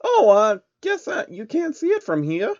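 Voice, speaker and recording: A man voicing a gentle, lonely female alicorn princess in a soft falsetto for a fan story. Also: huge pitch swings, normal speed, no room sound, dull audio, full character voice. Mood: shy, friendly.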